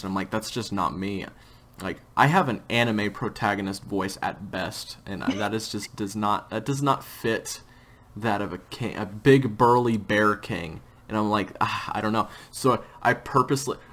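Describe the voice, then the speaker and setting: Frank, low-voiced man chatting casually. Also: a bit bright. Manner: frank, emphatic, blunt. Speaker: writer, voice actor and host of the series. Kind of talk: casual interview chat.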